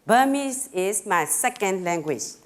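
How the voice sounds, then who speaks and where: Speaking at a talk about her own life, this middle-aged woman from Burma has a Karen accent and an expressive, medium-pitched voice. Her wording is simple and hesitant, full of pauses and fillers, with a touch of nerves.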